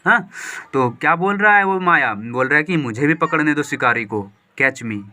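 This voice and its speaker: A man reading a story aloud slowly, line by line, and explaining each word and phrase in quick, lively Hindi as a teacher. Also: fairly high pitch. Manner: slow deliberate reading of English lines, then quick lively Hindi explanation. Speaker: English teacher.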